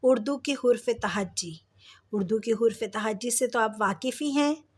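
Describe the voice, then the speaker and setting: A woman teaching a slow alphabet lesson, patiently stretching out each example word for her pupils. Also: fairly high pitch, breathy edge. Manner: patient, drawn-out words for pupils. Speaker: Urdu teacher.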